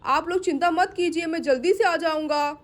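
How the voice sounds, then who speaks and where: A woman's voice: very high voice, moderate pace, slight background noise. A woman voicing a polite, reassuring family father in a doll play story. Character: man, calm family father.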